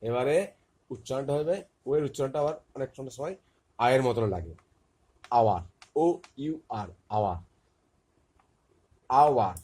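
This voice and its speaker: A man teaching young children, slowly spelling out letters and example words and repeating each one. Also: mid-range voice, dark tone.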